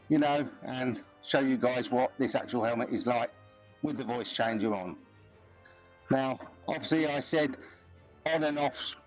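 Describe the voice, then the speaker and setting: A man talks from inside a helmet with a voice changer switched on. The distortion sits over his middle-pitched voice, and you can still hear his normal voice underneath. He reviews the helmet in a casual, halting way, often repeating words. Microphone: speaking from inside a helmet.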